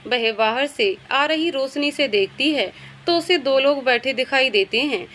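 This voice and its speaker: A woman narrating a scripted story in a steady, plain storytelling manner. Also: high voice, measured pace, slight background noise.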